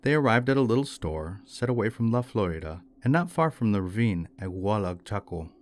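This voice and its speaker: Deep-voiced male folklore storyteller. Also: very animated, a little fast. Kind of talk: scripted folklore narration.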